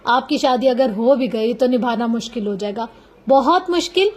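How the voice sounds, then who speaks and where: Storybook lead: gentle persuasive young male officer, read by a woman, high voice. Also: moderate pace, natural voice. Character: earnest young man, police officer, calm and soft-spoken.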